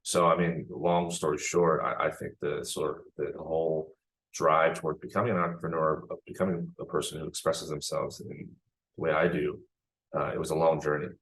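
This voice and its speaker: A man's voice: rumbling low, little pitch movement, normal speed, vocal fry, fairly bright tone, slight background noise, poor audio. A young man, a filmmaker, answering interview questions in a reflective, rambling way with many restarts. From born in China, raised in the United States. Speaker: guest filmmaker.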